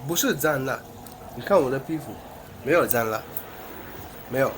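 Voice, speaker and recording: A man's voice: medium pitch, normal speed. A man from Ghana chats casually in Mandarin as a foreigner, using simple repeated phrases. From Ghana, West Africa. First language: not Mandarin, speaks it as a foreign language. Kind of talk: casual chat. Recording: clear background noise.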